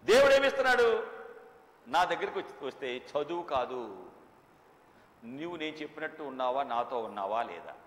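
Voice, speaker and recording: A man's voice: medium pitch, expressive. Impassioned male preacher in an echoey hall. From India. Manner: swings from quiet storytelling to loud, slow proclaiming. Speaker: pastor. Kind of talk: sermon. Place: church hall. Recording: echoey church hall with long reverb.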